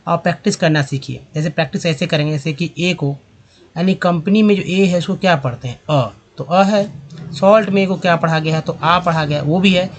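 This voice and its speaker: A man teaching English reading, slowly saying each word aloud and repeating it, speaking in a slightly higher voice. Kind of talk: language lesson explaining pronunciation.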